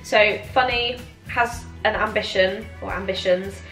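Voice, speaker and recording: A giggly, tipsy British woman in her twenties answers viewer questions in a casual, chatty vlog to camera. Her mid-range, fairly bright voice keeps fairly even intonation and a slightly slow pace, in a roomy, echoing space with music behind.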